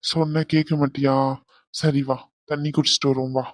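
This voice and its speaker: A man voicing a doting young groom in a cartoon, soothing and coaxing his bride in a soft, teasing way. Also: on the high side, flat delivery, normal speed, dry recording, lightly acted. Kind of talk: cartoon voice acting.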